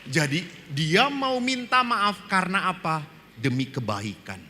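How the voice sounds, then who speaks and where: Animated Indonesian priest preaching in a hall. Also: male voice, high voice, unhurried, slight background noise. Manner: animated storytelling, acts out dialogue. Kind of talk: lively sermon with humor. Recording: reverberant hall, faint ambience.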